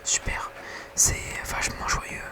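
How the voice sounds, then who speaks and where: A very quiet, night-time whisper reading poetry softly in an ASMR bedtime style. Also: slow pace. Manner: hushed bedtime reading with casual whispered asides. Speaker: ASMR reader.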